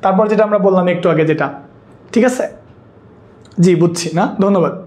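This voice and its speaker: A man's voice: high-pitched, fairly quick, a little mellow, roomy sound. A man teaching an English grammar lesson for an exam course, keeping a check on whether his students follow and repeating his points. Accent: Bangladeshi Bengali. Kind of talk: online exam-prep lesson.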